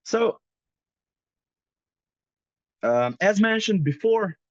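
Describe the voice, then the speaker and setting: Slow, hesitant young man presenting. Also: sits high, big pitch swings, a little mellow, no room sound, muffled recording. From Slovenia. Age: young adult. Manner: hesitant, many fillers. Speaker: ski demo team head presenting. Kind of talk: conference presentation.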